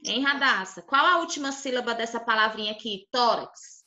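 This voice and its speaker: A woman's voice: fairly high pitch, normal speed, bright, forceful tone, dull audio. A young woman with a Brazilian Portuguese accent teaching young children online. She explains step by step, patiently, and often checks that they understood. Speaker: primary school teacher. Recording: echoey room.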